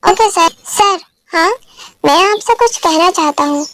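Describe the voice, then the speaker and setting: A woman's voice: extremely high pitch, a little slow, a bit bright, no echo, clean studio sound. A woman voicing a loyal, nervous male assistant who speaks deferentially to his boss.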